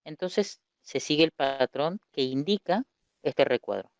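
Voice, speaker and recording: Man teaching a slow, methodical lesson. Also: on the high side, expressive, dry recording. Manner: patient, explanatory, poses questions then answers them. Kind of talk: recorded language lesson.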